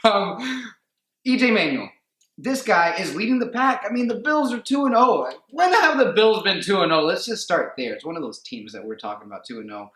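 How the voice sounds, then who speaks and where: A man with a Mexican-American English accent co-hosting a casual sports radio show from home, chatty, excitable and joking. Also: high-pitched, moderate pace. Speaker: co-host. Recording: echoey room.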